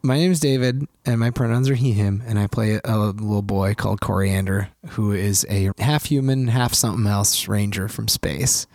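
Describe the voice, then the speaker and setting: A man's voice: lowish voice, steady tone, normal speed, few pauses, darkish tone, no room sound, studio quality. Playful, bantering man at a tabletop game. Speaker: tabletop podcast player. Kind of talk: casual, joking game chat.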